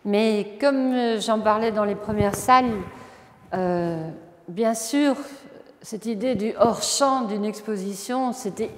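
This is a Belgian woman, an artist, giving a spontaneous tour of her exhibition at a slow pace and medium pitch. She reflects hesitantly, restarting often and using many fillers, while the reverberant gallery carries faint noise.

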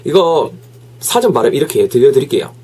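Husky man teaching English phrases. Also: medium pitch, fast. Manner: lively, switches between Korean and English, drills phrases. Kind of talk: casual video lesson.

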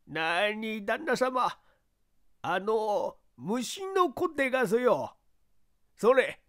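A woman's voice: a little high, big pitch swings, extremely slow, exaggerated voice. A woman voicing a simple, earnest old male servant who talks in a thick rural dialect. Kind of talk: audiobook character reading.

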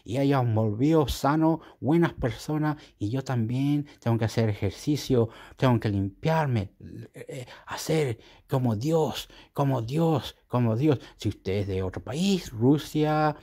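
A man's voice: mid-range voice, unhurried, hardly any pauses, mellow. A man with a Chilean accent vlogging in a casual, rambling monologue, repeating himself and swearing casually. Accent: Chilean Spanish.

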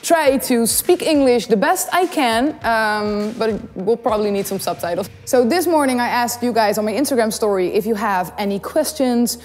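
A young Dutch YouTube singer and host chats casually to camera in a small studio before a blue backdrop, using a desk condenser mic. Her fairly high voice moves at normal speed with hardly any pauses, she's bubbly and giggly in her animated storytelling, and the sound is big-room.

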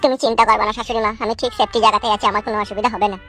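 A young village husband, as a woman puts him on, talks. He rattles along at great speed in a lowered, earnest voice. Faint music plays under the skit. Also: fairly even intonation, very fast, sharp tone. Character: young village man, vengeful yet doting husband.

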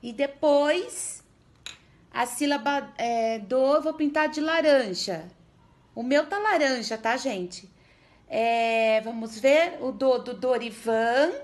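A Brazilian Portuguese woman with a high voice teaches first graders their letters. She speaks slowly and patiently, sounding out each syllable and often checking that the children are following. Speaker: primary school teacher. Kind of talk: remote literacy lesson for first graders.

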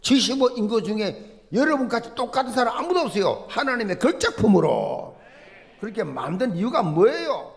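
Speaking at normal speed in a very high, gravelly, sing-song voice, this middle-aged pastor delivers a sermon with a Busan Gyeongsang accent, being from Busan in South Korea. His preaching is folksy, funny and emphatic, alternating between forceful stresses and quiet asides.

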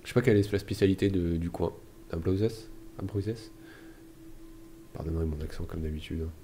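A man narrating his strategy game as he plays, thinking aloud and trailing off into soft mutters. His voice is low and gravelly with a dark, mellow tone. The talk is loose, unhurried commentary. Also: steady tone, slight background noise. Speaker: let's play host. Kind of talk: gameplay commentary.

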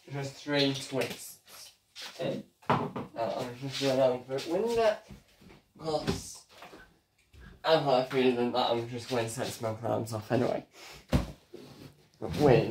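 Slow-talking young man cooking at home. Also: medium pitch, noisy background. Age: young adult. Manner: halting, chatty, talks while cooking. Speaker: home cooking show host. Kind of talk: casual cooking vlog. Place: small home kitchen, indoors. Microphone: fixed camera across the room. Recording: echoey kitchen, voice from far off.

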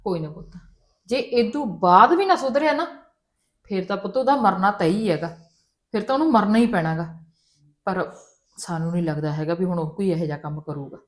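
A woman's voice: medium pitch, lively intonation, fairly quick, lightly acted. A woman playing a mother who soothes and coaxes her upset daughter in a family drama. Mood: calm. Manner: soothing, coaxing, repeatedly calling her child. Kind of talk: Punjabi family drama dialogue.

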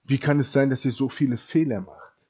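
A man preaching emphatically to Christians, often asking "ja?" and repeating phrases, his loudness swinging widely. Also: medium pitch, steady tone, a little fast, slightly rough. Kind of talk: impassioned preaching to camera. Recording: dull lo-fi recording.

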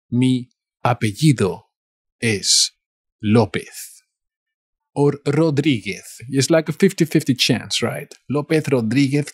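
A man with a Castilian Spanish accent teaching a language lesson, repeating each phrase slowly and explaining grammar in asides. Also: medium pitch, slightly rough, dry recording, clean studio sound. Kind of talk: slow bilingual phrase lesson.

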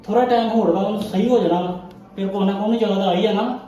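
A man playing a patient, kindly husband and elder brother in a family drama, speaking in a calm, reassuring way. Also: high voice, quick pace, distant mic, lo-fi sound, lightly acted. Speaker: actor in a family web drama. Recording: echoey room, faint music.

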